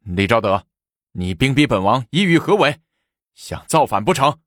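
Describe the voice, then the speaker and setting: An arrogant prince from a spoken historical tale, boasting and bullying in a loud, haughty voice pitched above the reader's own, as a man puts him on. The voice sits close and dry. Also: big pitch swings, unhurried, no room sound, heavily acted.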